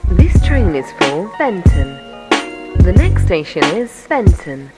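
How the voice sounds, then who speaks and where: Woman, automated train announcer, spliced-together words, low voice, slow. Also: sing-song, loud music behind the voice. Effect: spliced-together recorded announcement words.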